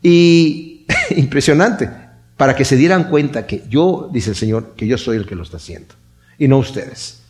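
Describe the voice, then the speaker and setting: A man preaching a sermon in a conversational way, tagging on rhetorical asides and repeating words as he explains scripture. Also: moderate pace. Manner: conversational preaching, frequent "¿verdad?" asides and repetitions; animated, with wide swings in pitch and loudness. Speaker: pastor.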